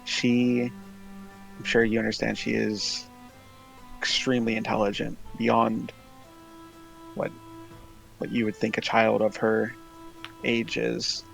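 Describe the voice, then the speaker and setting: Slow, gravelly-voiced male player. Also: on the low side, monotone, a bit bright, faint music behind, poor audio. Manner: hesitant, halting, many fillers. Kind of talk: in-character tabletop role-play.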